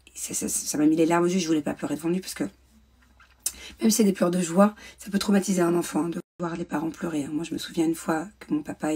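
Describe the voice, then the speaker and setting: Speaking with a lowish, somewhat mellow voice that has a breathy edge, a young mother vlogger recounts a personal story at home in front of a ring light. She sounds hesitant, restarting often and using many fillers.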